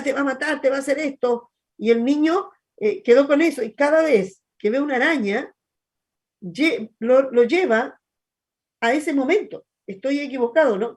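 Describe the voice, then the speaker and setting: Chilean woman pastor, slightly high voice. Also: a little mellow. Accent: Chilean Spanish. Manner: conversational, hesitant, storytelling. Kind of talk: church talk show, teaching chat.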